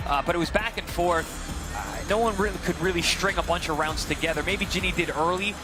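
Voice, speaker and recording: A male boxing analyst speaks rapidly in a fairly high voice. His commentary is conversational and emphatic, with loud music underneath. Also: lively intonation. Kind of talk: live sports analysis, conversational.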